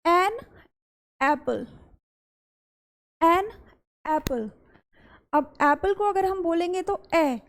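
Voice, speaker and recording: A woman's voice: high-pitched, darkish tone. A woman with an Indian English accent teaching an English grammar lesson, mixing Hindi and English. She explains step by step and repeats key words. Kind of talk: classroom-style grammar lesson.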